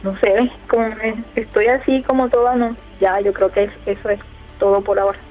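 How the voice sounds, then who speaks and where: Young woman, flat hesitant speech. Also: medium pitch, fairly quick. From Colombia, Córdoba department. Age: 20s. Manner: hesitant, many fillers and restarts. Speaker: youth council leader, radio guest. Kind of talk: casual radio interview answers. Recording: muffled radio audio, faint music behind.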